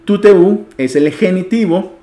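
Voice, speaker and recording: A man's voice: high voice, measured pace, warm tone, reverberant. A man teaching an online Biblical Greek lesson, asking his students questions and answering them himself, with a chuckle now and then.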